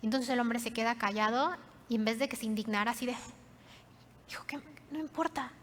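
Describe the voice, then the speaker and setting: A woman pastor preaching a sermon, telling the story dramatically and often dropping to soft, hushed tones. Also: on the high side, steady tone, fast talker. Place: church hall. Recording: reverberant church hall.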